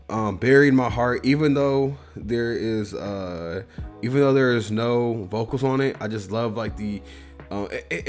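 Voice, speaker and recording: A man from the US Midwest with a Midwestern accent, hosting his own show and giving a loose, rambling, profane album review. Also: fairly low pitch. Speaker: host.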